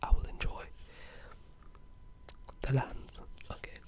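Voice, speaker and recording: In an ASMR video about video games, someone talks slowly in a breathy, unvoiced whisper, rambling casually with the enthusiasm of a keen gamer.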